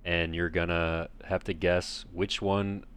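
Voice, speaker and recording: Low-voiced dude, blunt dry teasing, casual podcast talk. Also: male voice, flat delivery, takes it slowly, fairly bright tone, a little hiss or hum. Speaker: podcast co-host. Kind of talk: casual chat.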